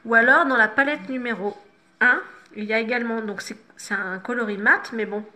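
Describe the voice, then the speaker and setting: A middle-aged woman with a higher-than-average, vivid voice walks viewers through a makeup tutorial. She stays chatty and instructive, tossing in self-mocking asides. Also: brisk, bright, forceful tone. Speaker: makeup vlogger.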